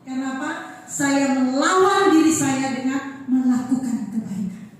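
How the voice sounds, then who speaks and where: Animated high-voiced woman pastor preaching. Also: a little slow. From Manado, Indonesia. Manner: animated, keeps addressing the congregation. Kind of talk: sermon with personal storytelling. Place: church hall. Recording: echoey church hall from far off.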